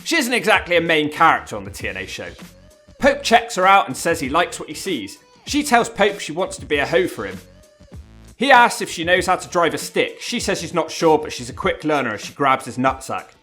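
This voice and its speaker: A man's voice: fairly high pitch, big pitch swings, a little fast, sharp tone. A man narrating a scripted countdown commentary in a wry, informal and emphatic way. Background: background music.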